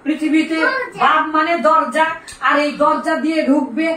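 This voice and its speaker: A woman's voice: high voice, fairly even intonation, normal speed, pushed and bright. A woman teaching an Arabic grammar lesson, quizzing her students and repeating the key terms. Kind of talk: classroom lesson. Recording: echoey room, distant mic, faint noise.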